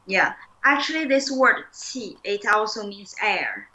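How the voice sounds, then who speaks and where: A young woman teaching a relaxed one-on-one language lesson. She talks patiently, fills her explanations with "like" and "um", and says new words slowly to model them. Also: mid-range voice, low-quality recording. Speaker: Chinese teacher.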